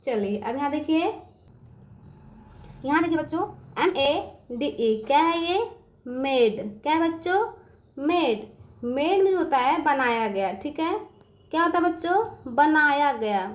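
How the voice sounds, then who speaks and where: A woman's voice: sits high, expressive, unhurried, long pauses, roomy sound. A woman teaching English words to children in a patient, repetitive way, often checking that they understand. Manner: patient, repetitive, often asks "समझ में आ गया बच्चों?". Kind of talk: online English lesson for children.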